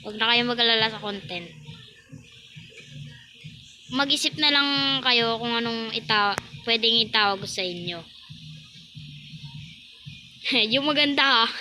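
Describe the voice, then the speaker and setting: A woman's voice: a little high, background noise. A woman with a Filipino accent giving chatty, laughing commentary on a Roblox game, talking to her viewers. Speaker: gaming YouTuber. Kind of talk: casual Roblox gameplay commentary. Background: game music.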